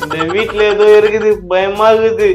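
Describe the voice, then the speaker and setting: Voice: medium pitch, little pitch movement, brisk, close to an everyday voice. Nervous young cartoon son, nagging tone, voiced by an actor, roomy sound, music under. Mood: worried. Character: dim young thief sidekick, later a scared young son. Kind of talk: fan-made cartoon dub.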